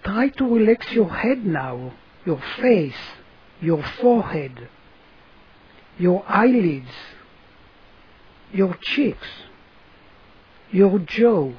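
A person guiding a relaxation session in a soothing manner, giving gentle instructions with long pauses. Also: mid-range voice, very animated, highs cut off, slight background noise. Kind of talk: guided relaxation narration.

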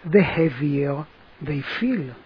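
A person guiding a relaxation session in a soothing manner, giving gentle instructions with long pauses. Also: medium pitch, expressive, husky, highs cut off. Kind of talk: guided relaxation narration.

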